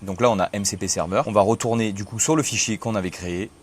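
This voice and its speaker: A young man casually explaining software setup step by step in a tutorial video. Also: on the low side, fast. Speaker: tech tutorial host. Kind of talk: screen-recorded software tutorial.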